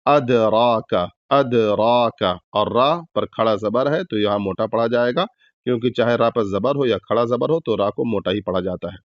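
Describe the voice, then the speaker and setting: A man teaching Quran recitation step by step, patiently explaining each rule and repeating words slowly in drawn-out chant as examples. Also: fairly low pitch, no echo, dull audio. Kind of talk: step-by-step tajweed lesson.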